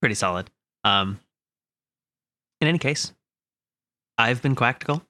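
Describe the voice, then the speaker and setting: A young man with a bright, sharp voice co-hosts a casual podcast. He is jokey and playful, and the sound is dry and close. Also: mid-range voice, animated, measured pace, no echo. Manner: jokey, playful wordplay, laughs often. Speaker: podcast co-host.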